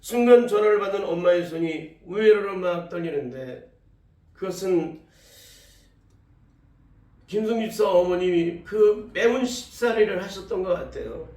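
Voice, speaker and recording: In an echoing church sanctuary, a pastor relates a testimony at a moderate pace with long pauses, voicing the cries and speech of those in the story. His voice is high-pitched and darkish, picked up from well off the microphone.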